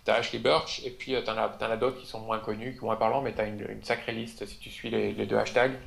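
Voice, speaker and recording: Man, gravelly voice, podcast co-host, casual chat, halting with fillers. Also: fairly low pitch, flat delivery, fairly bright tone. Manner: hesitant, many filler pauses.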